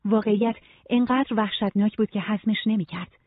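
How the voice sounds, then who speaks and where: An audiobook narrator reading a novel in an even, steady storytelling manner. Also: medium pitch, no echo. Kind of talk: scripted narration. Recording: tinny phone-like sound.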